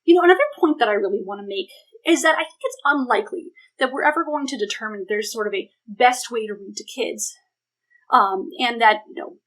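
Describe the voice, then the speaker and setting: A female academic researcher speaks on a panel, presenting her ideas and fielding questions in a high-leaning, slightly bright voice. The audio is poor, and she comes across as emphatic while working through her thoughts out loud.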